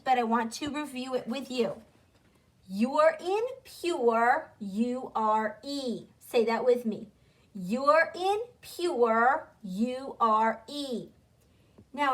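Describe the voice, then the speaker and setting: A woman teaching a phonics lesson to children, stretching out each sound clearly and asking them to repeat after her. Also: on the high side. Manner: drawn-out, over-enunciated sounds for children to repeat. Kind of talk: slow, deliberate phonics lesson.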